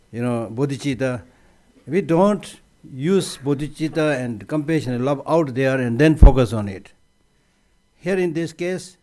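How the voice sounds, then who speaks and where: A man teaching on meditation at a conference, conversational, often repeating words as he restarts a phrase, with gentle humor. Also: medium pitch. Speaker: Buddhist teacher.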